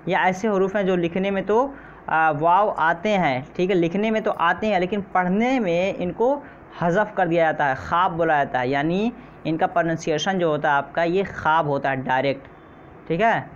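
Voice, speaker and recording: Male teacher for an exam-prep lesson, patient and repetitive, mid pitch, a little dull and noisy. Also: moderate pace. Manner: repeats questions and says "theek hai" often. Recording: slightly dull, faint noise.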